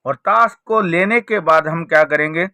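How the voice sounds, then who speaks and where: A man's voice: fairly high pitch, normal speed, bright, forceful tone, dry recording. A man presenting a card trick tutorial, explaining it step by step with repeated rhetorical questions. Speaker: magic trick teacher and presenter.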